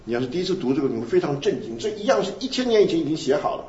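Male preacher, animated teaching sermon, roomy reverb. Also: on the high side, very fast, a little hiss or hum. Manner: animated, asks the audience questions and answers them. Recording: roomy, dull lo-fi recording.

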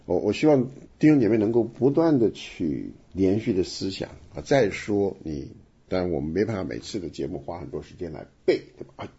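Husky, animated male radio Bible teacher. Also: deep voice, a little fast, lo-fi sound. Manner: emphatic, questioning teaching with rhetorical questions. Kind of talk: radio Bible study discussion.

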